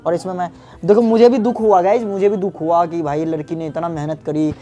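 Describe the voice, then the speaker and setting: A man's voice: high-pitched, steady tone, fairly quick, mellow. A young man vlogging in casual chat, pleading and consoling, often repeating himself. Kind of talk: casual prank vlog chat.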